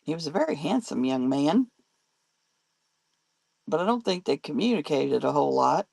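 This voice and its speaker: A woman's voice: low-pitched, big pitch swings, normal speed, vocal fry, a little mellow, no echo. An older woman, a grandmother, chatting casually on a live stream, laughing often and answering viewer comments as she talks. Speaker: live-selling host.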